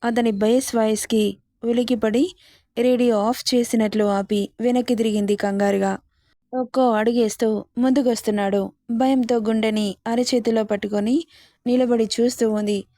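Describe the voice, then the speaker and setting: A woman's voice: on the high side, fairly even intonation, normal speed, dark tone, no echo, studio quality. A woman narrating a romantic drama story in a dramatic storytelling manner.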